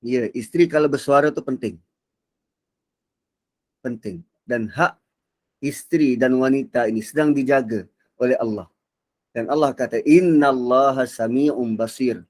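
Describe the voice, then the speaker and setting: A man giving a Quran reflection lecture. He is expressive and swings between soft and loud delivery. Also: medium pitch, normal speed, pauses often. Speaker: religious teacher.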